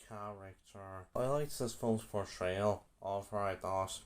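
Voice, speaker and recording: A young man giving a casual film review, halting and often repeating himself. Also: fairly low pitch.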